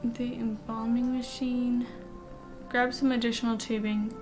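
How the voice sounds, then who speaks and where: A woman with a fairly high voice talks casually and ramblingly while playing a video game. Wearing dental aligners gives her a slight lisp. Faint game music plays behind her. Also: level tone, measured pace. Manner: casual, rambling, reading game text aloud between remarks. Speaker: game streamer.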